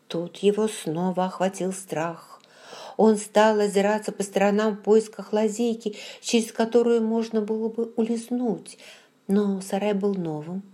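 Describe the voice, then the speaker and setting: A woman narrating an audiobook in the first person, with calm, measured storytelling. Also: medium pitch.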